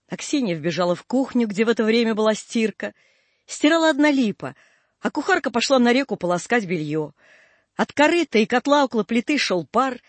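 Audiobook narrator, male, very high pitch for a man, steady measured reading, dry studio sound. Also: no room sound. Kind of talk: scripted literary narration.

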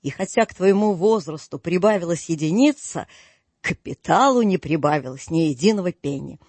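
A man reading an audiobook voices a grumpy, miserly old man in a low, curt, grumbling tone. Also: expressive, moderate pace, darkish tone, breathy edge, no echo.

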